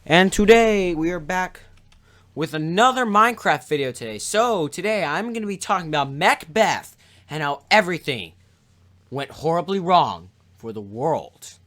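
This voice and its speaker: A man's voice: on the high side, lively intonation, moderate pace, fairly bright tone. A man casually retelling a story as a video host, rambling with restarts, sarcastic asides and mouth sound effects.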